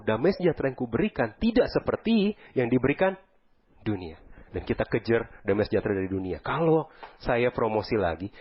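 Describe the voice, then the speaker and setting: Pastor, male, low husky voice, chatty bilingual sermon, muffled church audio. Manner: conversational preaching, mixing Indonesian and English. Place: church hall.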